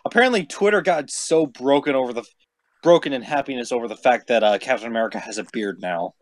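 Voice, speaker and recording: A man hosting a casual chat on a voice call, joking and sarcastic with quick comebacks. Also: mid-range voice, no room sound. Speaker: podcast host.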